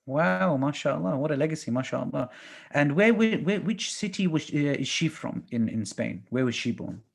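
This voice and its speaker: Guy hosting a zoom interview, higher voice, friendly upbeat questions. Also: expressive, normal speed, vocal fry. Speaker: host. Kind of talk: video call interview. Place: small indoor room. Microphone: headset on video call.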